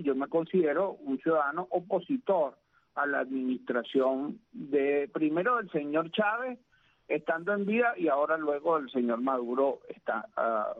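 A man from Venezuela, a professor, answering questions in a radio interview, talking in a measured, hesitant way with many fillers. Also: fairly high pitch, no room sound. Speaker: guest commentator, professor. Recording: tinny phone line, dry.

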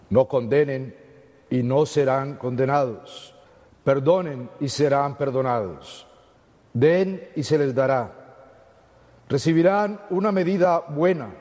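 Priest proclaiming in cathedral echo. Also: male voice, medium pitch, a little mellow. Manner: solemn, measured proclamation to a congregation. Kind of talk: liturgical Gospel reading and homily. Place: large church, amplified, cathedral-like echo. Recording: echoing church hall with long reverb.

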